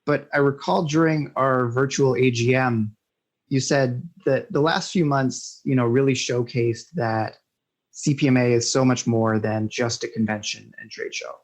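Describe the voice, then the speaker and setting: A man's voice: medium pitch, fairly even intonation, a little slow. A man hosting a podcast interview, asking questions in a friendly, informal way with frequent fillers and restarts. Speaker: podcast host.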